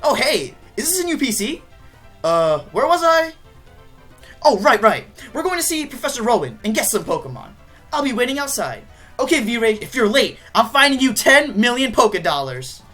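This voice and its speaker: A woman voicing a cocky, impatient boy rival in a video game, brash and excited. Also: fairly high pitch, moderate pace, soft background music, pitched above the performer's own voice.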